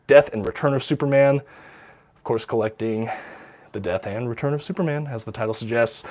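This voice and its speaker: Casting: man, livestream host, enthusiastic and chatty, slightly stuffy and short of breath. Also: mid-range voice. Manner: enthusiastic, many ums and uhs, reads out viewer questions. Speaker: livestream host showing his comic collection. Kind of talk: casual livestream chat.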